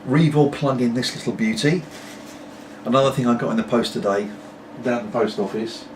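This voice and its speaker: A middle-aged British man speaks fairly quickly at medium pitch, rambling to camera as he puffs a pipe at home. He's a pipe-smoking video blogger prone to apologetic asides. The sound comes through a far-away mic with obvious background noise.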